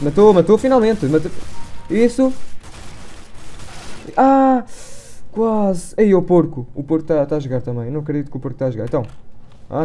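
A young man with a European Portuguese accent, commentating his own online shooter match, excitable and self-mocking, repeating words in rapid bursts. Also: on the high side. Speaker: gaming youtuber. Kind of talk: live gameplay commentary. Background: gunfire from the game.

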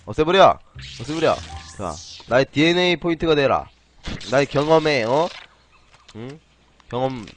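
A man casually commentating his own game play on a live stream, playful and chatty, often clearing his throat. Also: medium pitch. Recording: faint game music behind.

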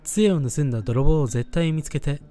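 A man reading the lines of a small witch in a storybook game, friendly on the surface with a menacing edge, in his own mellow voice. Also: on the high side, normal speed, close to an everyday voice. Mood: threatening. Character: small female witch, sweet but vengeful.

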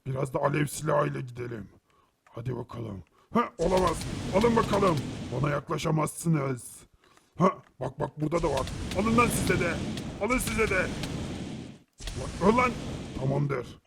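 A man voicing a tough, short-tempered ghostly creature in a cartoon who grumbles and shouts threats in fights. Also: on the high side, lively intonation, normal speed, gravelly, noisy background. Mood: combative. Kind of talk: animated cartoon voice acting.

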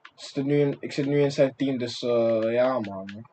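A young man from the Netherlands giving excitable, slang-filled gameplay commentary, breaking into sudden yelps and shouts. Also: medium pitch, unhurried, a little hiss or hum. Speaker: gaming streamer.

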